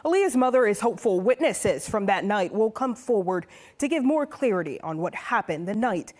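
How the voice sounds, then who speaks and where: A woman's voice: mid-range voice, lively intonation, moderate pace, a little mellow. A woman news reporter delivering a voice-over report.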